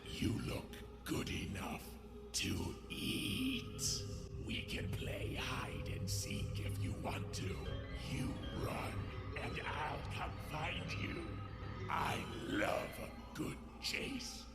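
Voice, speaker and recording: Slow, menacing possessed talking doll. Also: male voice, a little high, huge pitch swings, heavily acted. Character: possessed menacing doll turned dark and predatory. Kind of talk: scripted animatronic character phrases. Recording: echoey demo video with loud music.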